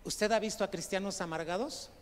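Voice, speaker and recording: A man preaches to his congregation in a fairly high voice, calling them brothers and firing questions at them. He drops to quiet asides, then rises into loud, emphatic outbursts. His words ring out with the long reverb of a large church hall. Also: a little fast, slight background noise. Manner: addresses listeners as brother, asks questions of the congregation. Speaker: pastor. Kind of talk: sermon.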